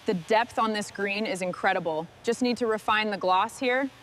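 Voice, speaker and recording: A woman with a mid-range, slightly bright voice speaks at a moderate pace over a little hiss or hum. Restoring machinery, she presents the work through short, clipped remarks and instructions to the crew.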